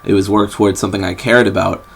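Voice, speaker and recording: Rambling low gravelly young man. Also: fairly even intonation, quick pace. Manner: rambling, apologetic, with many fillers and restarts. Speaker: vlogger. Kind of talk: rambling casual vlog. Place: bedroom, sitting on a bed. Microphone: built-in camera mic.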